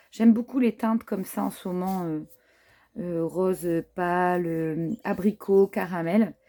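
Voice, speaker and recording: Woman, chatty haul vlogger, mellow warm tone, lots of fillers. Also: medium pitch. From France. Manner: chatty, many fillers, admiring comments. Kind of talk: casual show-and-tell chat.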